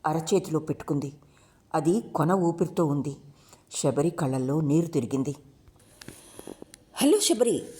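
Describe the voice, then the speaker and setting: A woman storyteller reading a story aloud with expressive, measured narration. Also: deep voice, husky.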